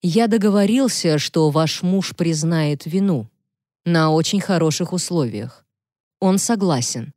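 A woman reading the lines of a serious male defense lawyer in an audiobook, firm and measured. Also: on the low side, expressive, darkish tone, no room sound, clean studio sound. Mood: grave.

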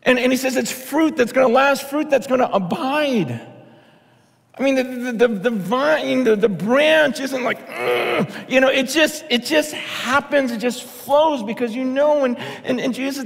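A man's voice: very high voice, lively intonation, moderate pace, vocal fry. A male pastor giving an impassioned, conversational sermon, often restarting his sentences. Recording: long hall reverb.

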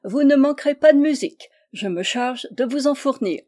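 A woman's voice: high-pitched, expressive, moderate pace, mellow, pitched above the performer's own voice. A woman doing a bold young gardener lad. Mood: cheerful. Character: bold young male gardener, confident and charming.

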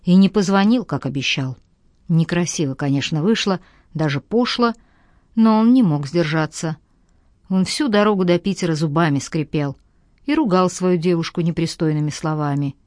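A woman reads a novel aloud in a measured, steady manner. Her voice sits on the low side, close and dry with no room sound. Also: no echo. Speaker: audiobook narrator. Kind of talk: scripted narration.

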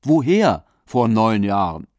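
A man's voice: fairly low pitch, sing-song, slow, darkish tone, no echo, studio quality. A man voicing a nervous, defensive male writer who answers in short, clipped replies.

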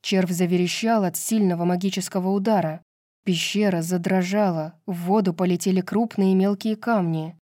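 A woman narrating a fantasy novel in an even, measured reading. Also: on the low side, dry recording, studio quality. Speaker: audiobook narrator. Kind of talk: scripted narration.

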